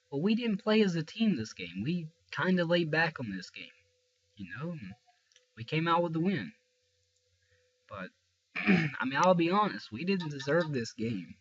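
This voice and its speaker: A man's voice: on the high side, a bit bright. A young man with a stuffy, tired voice talks frankly and ramblingly about a game in a casual fan video. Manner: rambling, frank, restarts a lot. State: congested and tired. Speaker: sports fan vlogger. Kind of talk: casual fan rant to camera. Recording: dull lo-fi recording.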